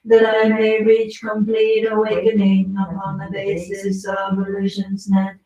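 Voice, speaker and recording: Woman, cave echo, mellow tone, even pitch, distant mic, measured prayer-leader delivery. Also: dull audio. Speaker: leader of a Buddhist practice session. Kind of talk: softly spoken announcements and reading of prayers aloud. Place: inside a cave.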